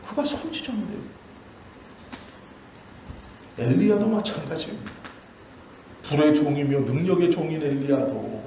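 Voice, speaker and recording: A male pastor preaching a sermon with passion, his voice rising high and then sinking low and quiet. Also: a little hiss or hum. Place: church sanctuary. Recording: very echoey church hall, faint ambience.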